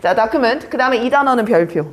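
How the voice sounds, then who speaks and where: A woman teaching an English vocabulary class, brisk and teasing, quizzing students by name. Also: on the high side, animated. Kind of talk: live online vocabulary class.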